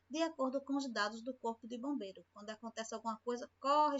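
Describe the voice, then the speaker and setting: A Brazilian woman teaching children in a remote class, her voice sitting a little high. She explains step by step and keeps checking that everyone follows. The recording is muffled and lo-fi. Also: a bit bright. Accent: Brazilian Portuguese. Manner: explains slowly, checks in with "tá bom?". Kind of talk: remote science lesson for children. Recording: lo-fi home recording.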